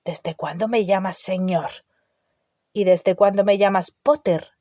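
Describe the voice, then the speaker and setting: A woman voicing a huge, gruff gamekeeper who growls, roars and grumbles in a storybook reading. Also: medium pitch, measured pace, darkish tone, no room sound, studio quality, close to an everyday voice. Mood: grumbling. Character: huge gruff half-giant gamekeeper man. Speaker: audiobook character.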